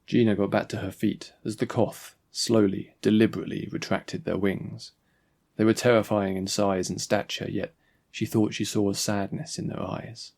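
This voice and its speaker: A man giving measured, scripted narration of his own audiobook story as its author and narrator. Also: fairly low pitch, flat delivery, creaky, a little mellow.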